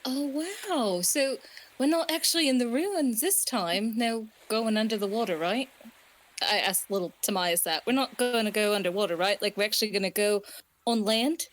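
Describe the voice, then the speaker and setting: A woman's voice: mid-range voice, moderate pace. A woman playing a tabletop game, talking in a giggly, flustered, rambling way. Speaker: player. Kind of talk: casual tabletop game play.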